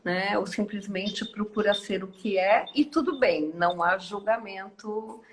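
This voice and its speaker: A woman, hosting a reflective live online talk in a slow, musing way with many hesitations and tag questions. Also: medium pitch, slight background noise, low-quality recording. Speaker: host.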